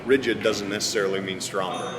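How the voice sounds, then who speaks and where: A man's voice: lowish voice, steady tone, quick pace, a loud crowd. A man explaining a technical design idea in an interview, like an engineer at work. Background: loud guitar music.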